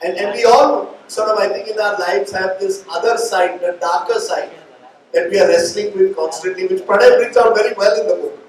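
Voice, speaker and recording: Middle-aged Indian-accented male interviewer, high-pitched, discursive, distant in a reverberant space. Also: normal speed. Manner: discursive, long reflective questions. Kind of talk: live on-stage interview. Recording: echoey room, distant mic, faint noise.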